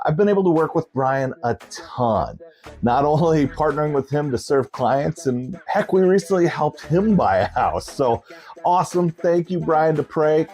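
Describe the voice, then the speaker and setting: A man's voice: a little high, mellow. A man hosting bingo in a casual, folksy, upbeat and chatty way, calling numbers between stretches of talk. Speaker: bingo host. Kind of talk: casual bingo caller and host chat.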